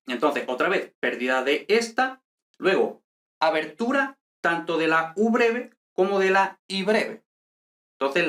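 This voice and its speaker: A man's voice: on the high side, a bit bright. Chatty man teaching a lesson. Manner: chatty, many fillers and tag questions. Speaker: language teacher. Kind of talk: casual spoken lesson.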